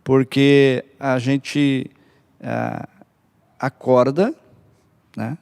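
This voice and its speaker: A man's voice: mid-range voice, little pitch movement, drawn-out words, creaky, darkish tone, clean tone. A man from Brazil on a church family-ministry podcast, talking in a hesitant way with many fillers and restarts. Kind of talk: casual church podcast talk.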